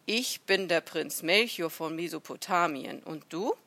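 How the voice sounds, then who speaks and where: A woman's voice: lowish voice, unhurried, heavily acted. A woman voicing a young boy prince who calls out boldly but warily in a storybook reading. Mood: calling, wary. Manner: calls out loudly, challenging.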